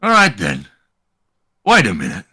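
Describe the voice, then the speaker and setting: A man's voice: fairly low pitch, wildly swooping pitch, a little slow, pushed and bright, breathy edge, exaggerated voice. A man voicing a curt, grumbling male shopkeeper in a tabletop game. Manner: blunt, dry, grumbling.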